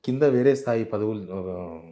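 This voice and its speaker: A man, a journalist briskly prodding his guest with questions. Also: lowish voice, dark tone. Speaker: journalist interviewer. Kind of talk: interview questions. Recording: dull lo-fi interview audio.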